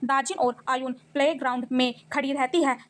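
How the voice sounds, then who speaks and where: A woman narrating a storybook recap in a plain, steady storytelling manner. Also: high voice, a little fast.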